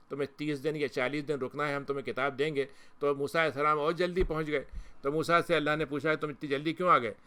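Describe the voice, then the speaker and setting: Bright clear-voiced man teaching scripture. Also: mid-range voice. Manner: retells scripture and quotes Arabic verses, with frequent restarts. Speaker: Islamic scholar and lecturer. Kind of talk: Quran commentary lecture.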